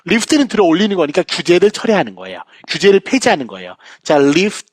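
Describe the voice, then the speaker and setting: A man teaching English vocabulary in a recorded lecture, lively and playful, often addressing his students directly. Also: high voice, fast, no echo. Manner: lively lecturing, frequent "자, 여러분" asides, playful jokes.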